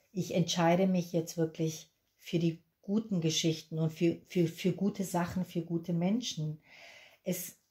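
In a warm, lowish voice, a Peruvian-born woman in her fifties whose first language is Spanish gives a chatty, reassuring tarot reading at a candlelit table. She repeats words for emphasis.

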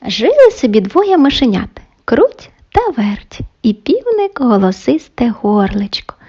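A woman narrating a bedtime folk tale, soft and often half-whispered. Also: fairly high pitch, huge pitch swings, unhurried, husky, dull audio. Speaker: storyteller.

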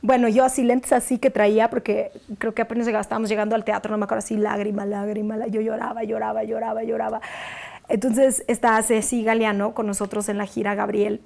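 A woman's voice: quick pace, gravelly. A young adult woman, an actress as interview guest, telling a personal story in casual chat and acting out the quotes. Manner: animated, acts out quotes with sudden high bursts.

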